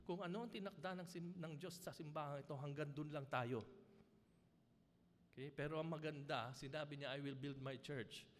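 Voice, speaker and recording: A man with a Filipino accent preaching a sermon, rising for emphasis and dropping soft and low for asides, with nervous stumbles and restarts. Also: moderate pace, a little hiss or hum. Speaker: pastor. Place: church hall. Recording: long church hall reverb.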